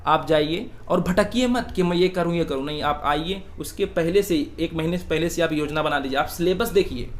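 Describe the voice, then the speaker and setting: A man's voice: on the high side, normal speed, hardly any pauses. A young man answering interview questions earnestly, giving advice and calling the interviewer sir. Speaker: exam aspirant being interviewed.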